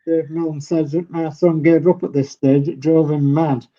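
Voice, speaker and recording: On a video call, an older Yorkshireman slowly explains how to build a model, reading each instruction aloud step by step with patience. His voice is a little high and mellow, his delivery flat, and the audio dull.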